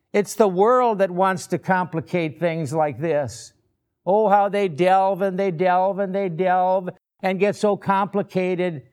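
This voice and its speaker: Slow, clear-voiced male preacher. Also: sits high. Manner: slow, deliberate preaching with emphatic rhetorical questions. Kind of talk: sermon.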